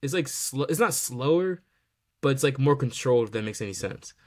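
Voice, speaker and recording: A man's voice: medium pitch, expressive, a little fast, a little mellow. Casual man hosting a sports podcast. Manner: loose and slangy, many fillers and restarts. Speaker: podcast host.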